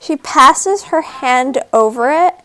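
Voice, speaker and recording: A woman narrating as game master of a tabletop game over a video call, calm and matter-of-fact. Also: high-pitched, slow pace, slight background noise, poor audio.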